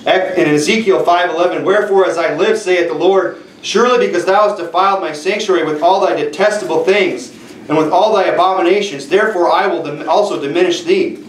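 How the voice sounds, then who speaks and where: Forceful middle-aged preacher in echoey room. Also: male voice, sits high, distant mic, a little hiss or hum. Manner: forceful preaching with slow emphatic scripture reading. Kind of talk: sermon. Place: small church room with piano.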